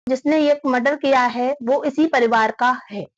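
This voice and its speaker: A woman's voice: high voice, steady tone, measured pace, no room sound, highs cut off. A woman being interviewed about her family, speaking earnestly and often repeating or restarting her phrases. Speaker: interviewee, daughter of the victim.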